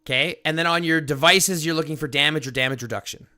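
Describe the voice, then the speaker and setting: A man's voice: fairly high pitch, fast, pushed and bright, no room sound, clean studio sound. A man hosting a livestream, coaching a player on game stats in an emphatic, profane, step-by-step way. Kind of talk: casual livestream chat.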